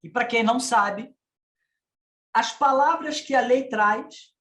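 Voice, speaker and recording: A man's voice: extremely high pitch, takes it slowly, fairly bright tone. A middle-aged man with a Brazilian Portuguese accent giving a lecture to business owners on tax matters. He teaches didactically, addresses listeners directly and asks them rhetorical questions. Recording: echoey room.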